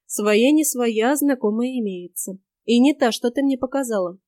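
A woman reading a story aloud and voicing a stubborn young male knight who speaks in calm, measured, old-fashioned phrases. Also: on the high side, no room sound, close to an everyday voice. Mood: calm earnest. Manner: calm, measured, folksy old-style speech.

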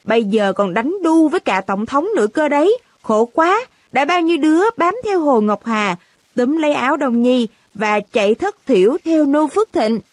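A woman's voice: high voice, expressive, normal speed, dry recording, pitched above the performer's own voice. A woman voicing a jealous teenage schoolgirl who shrieks a rant in a storybook reading.

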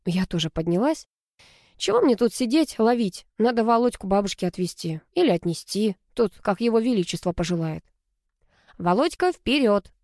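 A woman narrating a first-person story as an audiobook, in a lively, expressive storytelling manner. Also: medium pitch, brisk, no room sound, clean studio sound.

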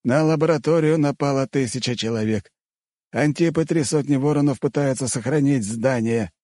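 A man's voice: medium pitch, moderate pace, warm tone, no echo, studio quality, voice pushed up, lightly acted. A man voicing a sardonic male rector in an audiobook, speaking in curt, mocking replies.

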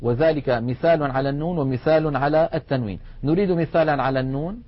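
Higher-pitched male tajweed teacher, lo-fi. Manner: slow drawn-out recitation of examples between explanations; addresses students directly, instructive. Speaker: Quran recitation teacher. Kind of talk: tajweed lesson with recited examples. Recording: dull lo-fi recording.

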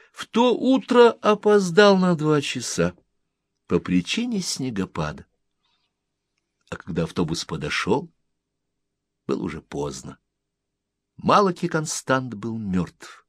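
Man, audiobook narrator, deep voice, slow, dry close sound. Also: dry recording. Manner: slow, expressive storytelling.

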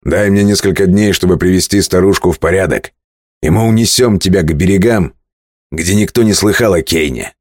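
A man's voice: low-pitched, fairly quick, dry recording, clean studio sound, pitched above the performer's own voice. Man doing a swaggering sea captain. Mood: boastful. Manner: loud and swaggering. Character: bold, boastful male ship captain.

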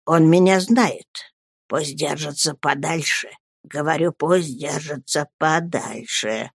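A reader putting on a bloated, spiteful schoolmaster who has lost his voice and hisses every threat in a low, strained whisper. The delivery is slow and close, heard in a dry room with no echo, like a storybook villain leaning in. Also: animated, gravelly, exaggerated voice. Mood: menacing whisper. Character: fat, red-faced, cruel schoolmaster who can only whisper. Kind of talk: audiobook reading.

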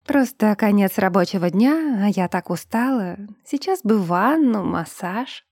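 A woman's voice: mid-range voice, lively intonation, a little slow, darkish tone, husky, dry recording. Give me a woman playing a coquettish young female clerk with a sing-song lilt and a dry, close sound. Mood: teasing.

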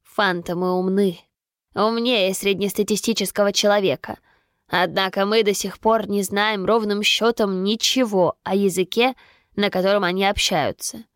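A woman voicing a calm, ominous male professor who lectures in a slow, measured way. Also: mid-range voice, clean tone, no echo, studio quality, natural voice. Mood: lecturing.

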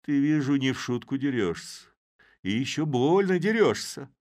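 Man as a sly old Cossack, mutters and scolds, animated, raised pitch, dry close sound. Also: normal speed, no room sound, lightly acted. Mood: grumbling.

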